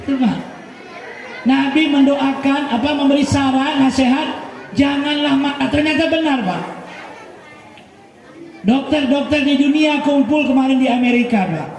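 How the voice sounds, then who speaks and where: A man's voice: very high-pitched, moderate pace, long pauses, slight background noise. A man preaching a humorous sermon at a mosque gathering, joking with the congregation and calling out to them constantly. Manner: joking, calls out to listeners constantly. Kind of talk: humorous sermon with crowd banter. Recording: echoey mosque hall, crowd murmur.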